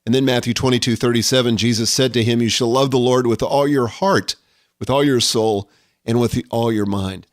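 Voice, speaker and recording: A middle-aged podcast host with an ordinary-pitched, steady voice talks briskly through a solo episode on leadership, earnest and reflective, sometimes reading scripture quotations aloud. The recording is close and dry, with no echo or room sound.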